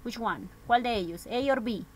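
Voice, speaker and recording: A woman's voice: fairly high pitch, normal speed, background noise. Bilingual woman teaching English. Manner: switches between Spanish and English, asks pupils questions. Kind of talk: online class for young pupils.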